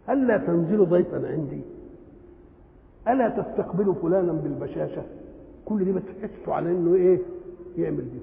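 An older man with an Egyptian accent giving a lively religious lesson, often asking his listeners a question and then answering it himself. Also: sits high, gravelly. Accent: Egyptian Arabic. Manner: animated, asks questions and answers them himself. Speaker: Quran commentator. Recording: tinny, echoey old hall recording.

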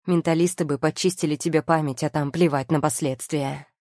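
A woman's voice: low voice, steady tone, a little fast, darkish tone, no room sound, clean studio sound, lightly acted. A woman reading the lines of a scheming, mocking male nobleman in an audiobook, in a coolly sneering, self-justifying manner.

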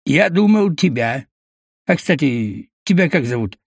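A man reading an audiobook and voicing a cowardly, frightened homeless scavenger who pleads in a high, rising voice. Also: lively intonation, measured pace, creaky, husky, no echo, clean studio sound, exaggerated voice. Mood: nervous explaining.

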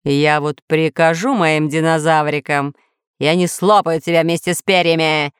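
A woman's low, expressive voice, clear and resonant, plays a bragging villain scientist ruling dinosaurs in storybook narration. She keeps a measured pace, threatening and pompous, in studio-quality audio with no room sound.

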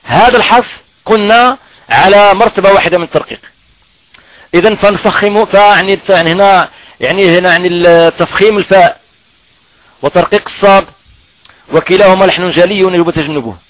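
A man teaching Quran recitation in a halting way, often stretching out syllables slowly to demonstrate how they are pronounced. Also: high-pitched, fairly bright tone, no room sound, muffled recording. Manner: halting, repeats and drags out sounds to demonstrate pronunciation. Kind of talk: recorded online tajweed lesson.

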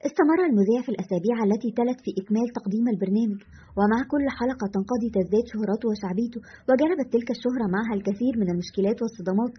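A woman narrates a scripted story at a very fast clip, her voice slightly high and husky. She keeps a brisk, steady delivery. The recording sounds dull and lo-fi.

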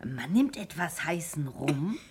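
A tipsy, tearful devoted wife. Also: female voice, sits low, sing-song, slow pace, a little mellow, breathy edge, heavily acted. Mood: chatty, tipsy. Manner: theatrical, repeats herself, giggles and sobs. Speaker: Mrs Micawber. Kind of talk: 1950s radio play acting.

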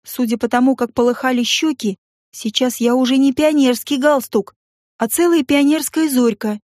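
A woman narrating a first-person audiobook in a lively, wry, ironic manner. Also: sits high, moderate pace, no room sound, clean studio sound.

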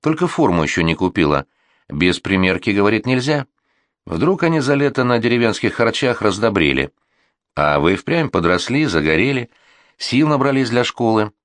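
Audiobook: tired, firm middle-aged dad, read by a man, a bit raised from a low voice, dry close sound. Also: sing-song, moderate pace, a bit bright, no echo. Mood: gentle. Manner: reasoning, tired insistence. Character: exasperated middle-aged father, patient but firm. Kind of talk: audiobook reading.

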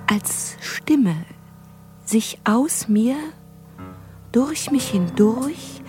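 In a radio play, an actress plays a haunted young prophetess, narrating in the first person with intensity that drops into whispers. Her female voice sits high and sounds exaggerated.

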